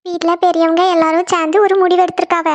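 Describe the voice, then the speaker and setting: A woman voicing a heartbroken, tearful young woman who speaks haltingly in a cartoon. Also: very high-pitched, level tone, lo-fi sound. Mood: sad. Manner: halting, self-pitying. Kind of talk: cartoon voice acting.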